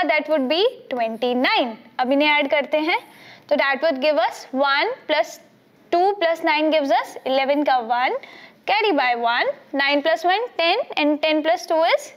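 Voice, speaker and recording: Woman math teacher, high voice, unhurried, patient, keeps checking that students follow. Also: highs cut off. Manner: patient, checks understanding often. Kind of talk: classroom lesson mixing Hindi and English.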